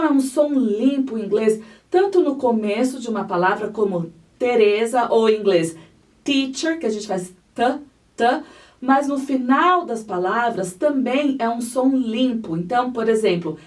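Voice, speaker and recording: A woman with a Brazilian Portuguese accent, a speech therapist teaching pronunciation, talking deliberately and repeating sounds for the listener to copy. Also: on the high side, lively intonation, a little mellow, recorded from a distance. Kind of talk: slow, clear pronunciation lesson.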